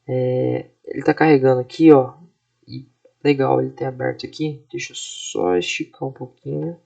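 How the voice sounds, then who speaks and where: Gravelly young man talking through a screen demo. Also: medium pitch, moderate pace, dark tone. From Brazil. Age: 20s. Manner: casual, explanatory, frequent fillers and tag questions. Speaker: student presenting a class project. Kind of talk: screen-recorded software walkthrough.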